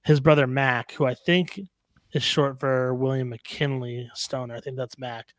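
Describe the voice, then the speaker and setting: A man's voice: mid-range voice, steady tone, measured pace, no echo. A man co-hosting a casual sports podcast, telling stories in a laid-back way, with lots of "um" and "like". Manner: storytelling, laid-back, uses many "um" and "like". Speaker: podcast co-host. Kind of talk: casual chat.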